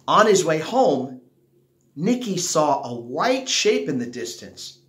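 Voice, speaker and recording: This time his voice runs on the high side, sing-song and a bit bright, as a middle-aged man slowly reads a children's picture book aloud. He emphasizes and lingers on key words like a storyteller. It was recorded indoors in a small home living room with a roomy, echoey sound.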